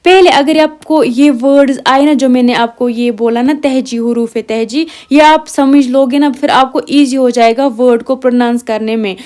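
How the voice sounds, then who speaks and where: A young woman teaching an exam-prep language lesson, patiently spelling out letters and words and repeating them slowly, with English words mixed in. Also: high-pitched, fairly even intonation, a little mellow.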